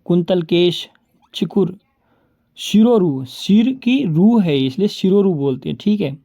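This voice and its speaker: गहरी मधुर आवाज़ वाला हिंदी शिक्षक. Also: male voice, high-pitched, animated, vocal fry, dark tone. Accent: Rajasthani Hindi. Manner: lists words rapidly, repeating "ठीक है" and "बोलते हैं"; addresses viewers as "दोस्तों" and "भाई". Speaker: exam coaching teacher. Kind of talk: exam-prep vocabulary lesson.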